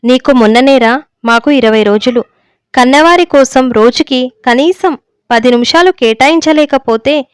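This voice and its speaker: Stern hurt old village dad scolding his son, a woman reads him in her high smooth voice, dry close sound. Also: no room sound, lightly acted. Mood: reproachful. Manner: scolding, pleading rebukes.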